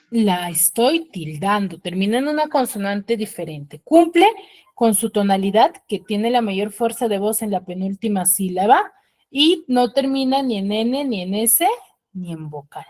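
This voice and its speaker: A woman's voice: medium pitch, darkish tone. A woman teaching a class over a video call, explaining step by step and often checking that her students follow. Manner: patient, keeps checking understanding with "¿ya?". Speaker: schoolteacher.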